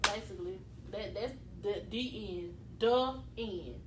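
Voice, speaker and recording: A woman hosting a casual podcast chat, animated and quick to laugh, reading out listener comments. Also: medium pitch, reverberant, very noisy. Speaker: podcast host.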